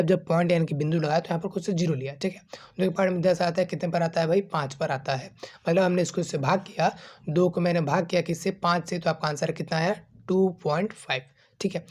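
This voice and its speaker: A man's voice: fairly high pitch, quick pace, darkish tone. A man teaching a maths lesson to students, explaining step by step and asking and answering his own questions in a casual, friendly way. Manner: informal, calls students 'bachche' and 'bhai'. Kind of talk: classroom-style video lesson.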